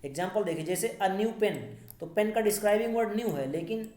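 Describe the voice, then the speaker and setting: Woman teacher explaining grammar step by step, mid pitch, slows right down on the english examples, room echo. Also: dark tone. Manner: patient, explains step by step, slows down to read English rules aloud.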